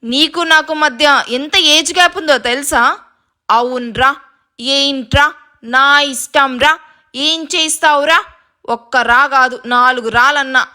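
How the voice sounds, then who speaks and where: A woman reading an audio story, voicing a fiery, sharp-tongued young woman who scolds and teases. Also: high-pitched, exaggerated voice. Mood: angry. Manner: scolding, quick-tempered, playful.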